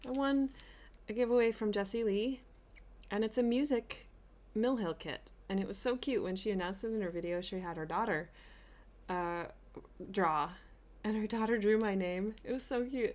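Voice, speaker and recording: A woman hosting a craft vlog, chatting eagerly and gushing as she shows a haul, often restarting her sentences. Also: medium pitch. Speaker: flosstube host. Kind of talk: casual chat showing a haul.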